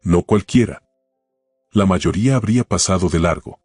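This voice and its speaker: Guy reading as a grateful polite exec, deep husky voice, insistent. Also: moderate pace, a little mellow, no echo, clean studio sound, faint music behind. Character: grateful gray-eyed male executive, calm, insistent.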